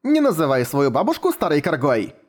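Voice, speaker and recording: Man voicing a brash young adventurer, animated, mid-pitched, audiobook. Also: brisk, natural voice. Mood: exasperated. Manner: loud, exasperated.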